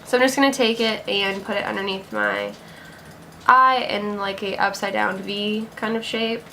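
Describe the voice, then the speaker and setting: A woman's voice: mid-range voice, lively intonation, normal speed, sharp tone, slight background noise. Chatty young woman doing a makeup tutorial. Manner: chatty, upbeat, lots of "like" and "gonna". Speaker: beauty vlogger. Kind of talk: casual makeup tutorial talk-through.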